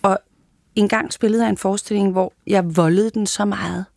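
A woman's voice: medium pitch, steady tone, gravelly, darkish tone, no room sound. A woman actress talking reflectively in a casual studio conversation, hesitant with many fillers. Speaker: actress and guest.

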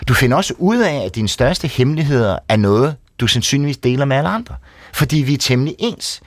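Animated Danish man telling a story. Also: mid-range voice, dry recording, clean studio sound. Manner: lively storyteller, acts out shouting people. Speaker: guest storyteller. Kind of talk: casual chat, telling a personal story. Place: radio studio.

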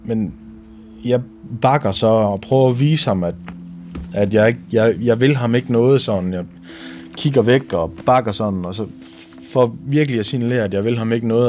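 A Danish man giving documentary testimony, retelling events vividly in a halting way with repeated words. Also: lowish voice, darkish tone. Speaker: interviewee recounting family events.

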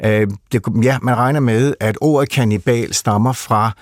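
A man's voice: mid-range voice, no echo, studio quality. A man explaining a literary subject in a conversation, thoughtful and hesitant, with many fillers and restarts. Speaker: literature expert guest.

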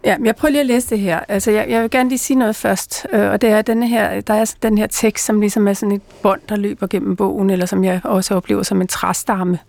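A middle-aged woman author talking reflectively in an interview, pausing often with fillers. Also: medium pitch, flat delivery, creaky, a little mellow, dry recording. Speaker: author and guest. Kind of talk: conversational interview.

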